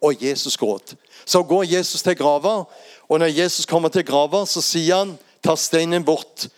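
An older man with a Norwegian accent preaching a sermon, retelling Bible stories and asking rhetorical questions. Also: on the high side.

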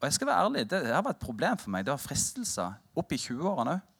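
A man in his thirties preaching a sermon, telling a personal story in a lively, humorous way and joking with the congregation. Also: fairly high pitch, slightly rough.

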